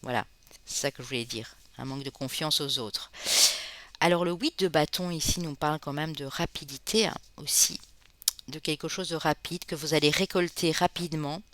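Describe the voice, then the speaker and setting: Here a card reader from Spain's Basque Country offers an easygoing tarot reading to viewers in a mid-range, faintly bright voice. She's talkative, fills gaps with "hein," and treats listeners as friends.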